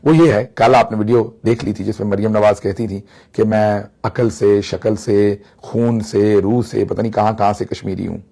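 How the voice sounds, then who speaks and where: A man's voice: fairly low pitch, fairly even intonation, moderate pace, vocal fry, hardly any pauses, dark tone. A man from Pakistan giving mocking political commentary, slipping into Punjabi phrases.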